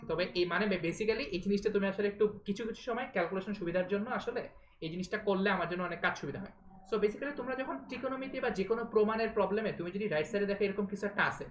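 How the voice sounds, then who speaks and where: A woman's voice: medium pitch, roomy sound, a little hiss or hum. A woman teaching math in a live online class, talking informally, mixing in English words and often checking that students follow. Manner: mixes English words into speech.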